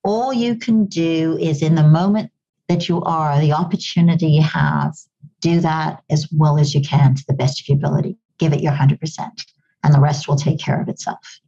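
Her voice is low and dark with vocal fry, her tone steady and her pace moderate, on a muffled recording. Originally from Goa and brought up in Kenya, she carries a faint English-flavored Kenyan accent. Giving conversational interview answers on a podcast, she sounds earnest and thoughtful, frequently starting over and repeating herself.

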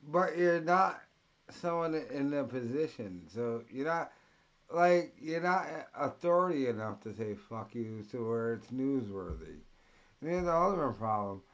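A man hosting a ranting commentary show, talking slowly and deliberately at a middle pitch. His tone is mocking and profane. Now and then he breaks into loud, high-pitched impressions of the people he is mocking. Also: lively intonation. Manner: mocking, profane, mimics others in loud bursts.

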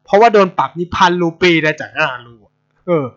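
A man's voice: sits high, brisk. A man from Thailand, a podcast host telling stories in blunt, casual chat full of swearing. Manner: blunt, swears a lot, animated. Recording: dull lo-fi sound.

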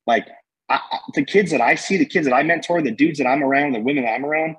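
Young male guest, husky and energetic, rambling casual delivery. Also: fairly high pitch, fast, poor audio. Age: young adult. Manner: energetic, rambling with many fillers and slang. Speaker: guest entrepreneur. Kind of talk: podcast conversation.

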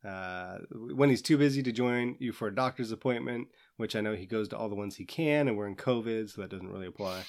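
A young man co-hosting a casual podcast chat. He reads prompts from a list in a relaxed way and laughs often. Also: on the low side, a little fast, few pauses. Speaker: podcast co-host.

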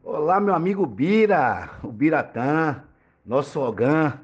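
A man's voice: fairly high pitch, lively intonation, unhurried, muffled recording, soft background music. A man from Bahia, a teacher and cultural activist, earnestly explaining a topic to podcast listeners. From Bahia, Brazil.

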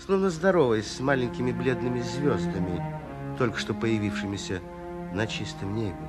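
A man narrating a 1950s radio fairy tale as a kindly storyteller, gentle and expressive. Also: mid-range voice, normal speed, over loud music, natural voice. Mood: dreamy, unhurried. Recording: 1950s radio drama recording.

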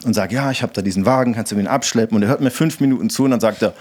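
German man preaching an animated sermon. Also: lowish voice, racing. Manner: animated storytelling, acts out quoted voices.

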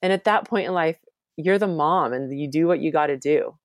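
A woman in her thirties talks as an interview guest, her voice sitting very low. She sounds earnest and reassuring, with frequent fillers. The recording is dry and close. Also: brisk, dry recording. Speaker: guest, mother of children with Down syndrome. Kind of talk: conversational interview.

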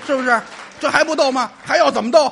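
A man's voice: extremely high pitch, fast, vocal fry, background noise. A man performing stage crosstalk comedy on stage, boastful and tripping over his words.

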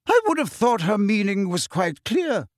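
A man's voice: extremely high pitch, wildly swooping pitch, normal speed, no room sound, clean studio sound, voice pushed up, exaggerated voice. A man voicing a stern, cold older female professor with a harsh, clipped manner.

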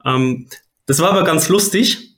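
A man from Switzerland, a guest coach, answering interview questions in a relaxed way, laughing often and tagging "ne?" onto his sentences. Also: on the high side, normal speed. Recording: echoey room.

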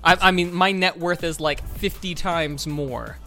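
A man co-hosting a podcast in casual chat, halting and repeating words as he goes. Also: fairly high pitch, bright, forceful tone, soft background music. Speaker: podcast co-host.

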